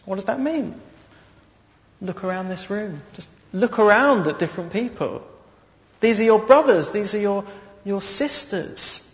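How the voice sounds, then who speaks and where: Guy preaching real slow in a church hall, kinda muffled recording. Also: high-pitched. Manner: slow, measured preaching with pauses. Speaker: pastor. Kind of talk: sermon. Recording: dull audio with long hall reverb.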